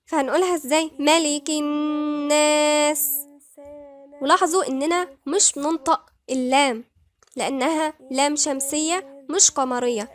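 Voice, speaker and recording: A woman with an Egyptian accent teaching Quran recitation rules, patiently repeating words slowly syllable by syllable. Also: high-pitched. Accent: Egyptian Arabic. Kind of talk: tajweed lesson, slow recitation.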